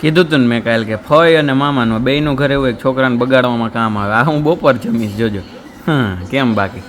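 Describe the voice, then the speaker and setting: A man's voice: medium pitch, brisk, slight background noise. Joking young man vlogging from home. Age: young adult. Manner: joking, teasing, chatty. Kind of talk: casual vlog chat. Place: family home indoors.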